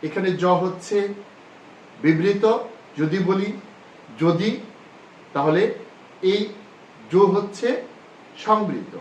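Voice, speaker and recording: A male Bangladeshi Bengali teacher giving a grammar lesson, repeating example words slowly and stressing each one. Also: sits high. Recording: roomy, distant mic, faint background noise.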